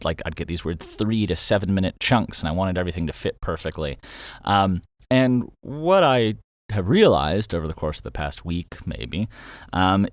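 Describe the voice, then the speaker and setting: A deep-voiced man who makes and hosts audio dramas gives a relaxed, unscripted solo update on his creative work, rambling as he thinks aloud. The sound is dry and studio quality.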